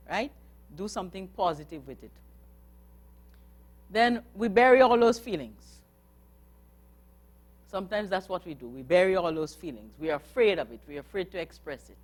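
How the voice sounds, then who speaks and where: A religious sister giving a workshop talk to a live group, earnest and coaxing, often putting questions to her listeners. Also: fairly low pitch. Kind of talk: workshop talk on nonviolent communication.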